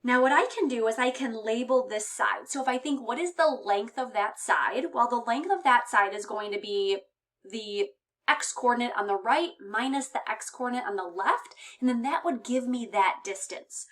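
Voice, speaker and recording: Her voice a little high and fairly bright, a woman teaching high school math talks at normal speed and slightly raised, explaining every step plainly and with patience while giving her students frequent reminders.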